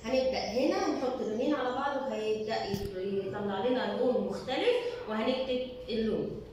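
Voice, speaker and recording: A woman's voice: fairly high pitch, darkish tone. Patient Egyptian woman teacher, echoey room. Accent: Egyptian Arabic. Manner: slow, patient explaining, drawing out words. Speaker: primary school Arabic teacher. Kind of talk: recorded classroom lesson. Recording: echoey room, distant mic, faint noise.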